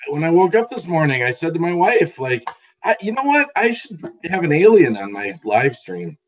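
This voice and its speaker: A man hosting a live stream, chatting casually and quick to laugh and exclaim. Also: a little high, big pitch swings, muffled recording. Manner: easily amused, exclaims often. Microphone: video call.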